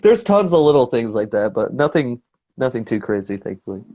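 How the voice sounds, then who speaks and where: A man's voice: mid-range voice, very animated, brisk, dark tone, muffled recording. A man in his twenties, a guest musician telling stories in a rambling, laid-back way full of fillers. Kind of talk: casual interview chat.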